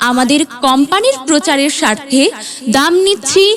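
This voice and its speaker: A woman with a very high, lively voice reads a hard-sell street advertisement. Her delivery is an emphatic, repetitive announcer's pitch with plenty of melodic movement. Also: brisk. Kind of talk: hard-sell promotional announcement for a mobile loudspeaker van.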